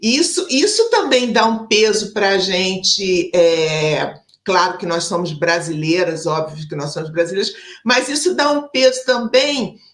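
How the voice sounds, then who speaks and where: A woman's voice: fairly high pitch, a bit bright, echoey room. A woman from Rio de Janeiro interviewing an author, thinking aloud in a casual chat. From Rio de Janeiro, Brazil.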